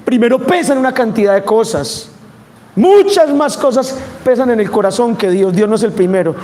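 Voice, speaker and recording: A man with a Colombian Spanish accent preaching a sermon, animated and asking his audience questions. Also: very high voice, normal speed.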